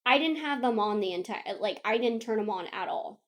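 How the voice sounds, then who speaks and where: A young woman co-hosting a podcast, telling a story in casual chat, animated, laughing often and acting out what others said. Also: medium pitch, fairly quick. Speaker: podcast co-host.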